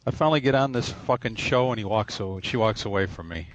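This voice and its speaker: Man, very low voice, clipping distorted mic, faint hiss, heavy breathing, blunt call-in guest. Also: expressive, fast, lo-fi sound. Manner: short, blunt replies with crude swearing. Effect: overmodulated, clipping distorted mic. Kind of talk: casual chat.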